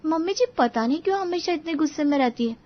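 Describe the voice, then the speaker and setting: A woman's voice: sits high, animated, quick pace, lo-fi sound, pitched above the performer's own voice. A woman voicing a timid, eager young daughter-in-law in a cartoon story, polite and anxious to please. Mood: musing.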